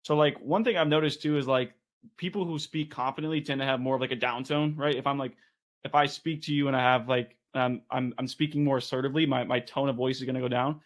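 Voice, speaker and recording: A man's voice: mid-range voice, steady tone, fast. A man who leads a sales team, in a casual podcast conversation, explaining things step by step with lots of "like" and "right".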